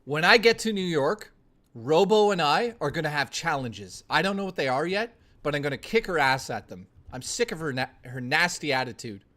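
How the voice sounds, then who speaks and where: Bright, profane joking male streamer. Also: a little high, animated, normal speed. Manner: reads and answers chat. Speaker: live streamer. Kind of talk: casual live-stream chat.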